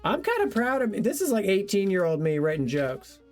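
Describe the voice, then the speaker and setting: A young male streamer chats casually with his viewers in a lively, swooping voice, reading out old jokes and laughing at his own lines. Faint guitar music plays behind him. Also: high voice, brisk. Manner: reads old joke notes aloud, laughing at himself, thanking donors. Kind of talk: casual livestream chat.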